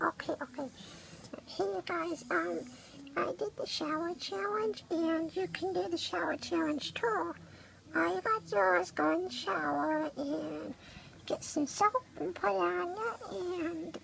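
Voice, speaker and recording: A man's voice: very high voice, creaky, a bit bright, a little hiss or hum, pitched above the performer's own voice, full character voice, poor audio. A man voicing a shy, nervous female pet dog in a comic vlog sketch, talking in a timid, fretful way. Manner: timid, fretful and self-conscious.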